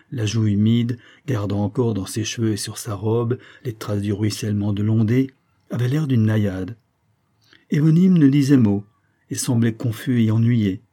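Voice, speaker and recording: A man narrating a novel as an audiobook in a measured, even reading manner. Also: on the low side, breathy edge.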